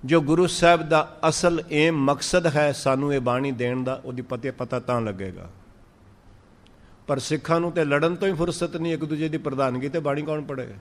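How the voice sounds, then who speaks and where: A man with a Punjabi accent giving a sermon, drawing out verses slowly and then explaining them in lively speech. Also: a little high, in a large hall. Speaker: Sikh preacher. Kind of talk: sermon on scripture.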